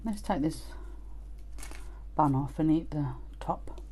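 Woman, middle-aged, low pitch, casual eating commentary, brief remarks between bites. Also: slow, warm tone, slight background noise. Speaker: mukbang host. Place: small furnished room indoors, seated at a table.

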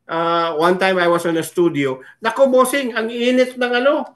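A man's voice: high voice, steady tone, moderate pace. A man co-hosting a casual sports talk show, easygoing, switching often into English.

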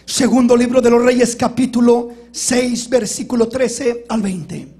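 A man preaching an impassioned sermon in a very high, husky voice. He acts out the complaints he quotes, swinging between raised, forceful lines and low, quiet ones. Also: a little slow. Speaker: pastor.

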